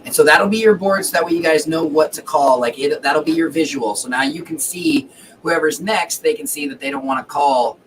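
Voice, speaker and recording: A man's voice: fairly high pitch, a little fast, fairly bright tone. Rambling man with hiccups, distant mic. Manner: rambling, self-correcting, swears casually. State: has the hiccups. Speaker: livestream host. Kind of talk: casual livestream chat. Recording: distant mic with faint background noise.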